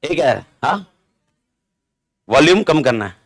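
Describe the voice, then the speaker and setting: An energetic middle-aged male teacher gives a classroom lecture, loud and direct with his class. His voice sits high for a man. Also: slow. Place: classroom, also streamed online.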